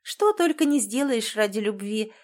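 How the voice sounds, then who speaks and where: A woman's voice: a little high, expressive, moderate pace, a little mellow, close to an everyday voice. A woman voicing a wry, evasive young woman who dodges hard questions, in an audiobook. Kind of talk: audiobook character voice.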